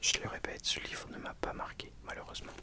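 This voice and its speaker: A person giving an ASMR book review in a soft, breathy library whisper, hesitant and often self-correcting. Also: fairly quick. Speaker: book reviewer addressing viewers.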